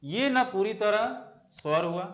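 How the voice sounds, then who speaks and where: A man's voice: high voice, lively intonation, slow, highs cut off. A young man teaching an exam-prep Hindi grammar lesson. He asks the class questions, answers them himself and repeats the key terms.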